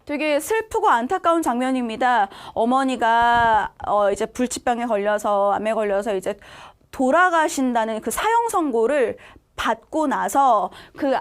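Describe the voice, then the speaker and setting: A woman with a high voice teaches a recorded online lecture. She stays animated and talks straight to her students as she works through a script passage. She keeps a lively, engaged manner throughout. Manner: animated, addresses students directly. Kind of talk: online exam-prep lecture.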